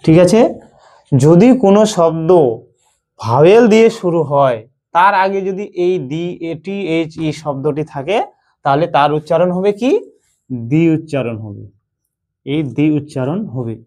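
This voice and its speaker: A man teaching English pronunciation in a slow lesson, with a Bengali accent, repeating himself and asking and answering his own questions. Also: on the high side, lively intonation, darkish tone.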